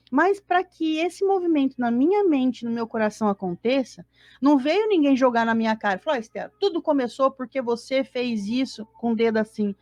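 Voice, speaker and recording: A woman's voice: fairly high pitch, a little mellow, no echo. A Brazilian woman co-hosting a spiritist study, talking animatedly and acting out little scenes. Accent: Brazilian Portuguese. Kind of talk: casual religious study talk. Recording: dull lo-fi dry sound.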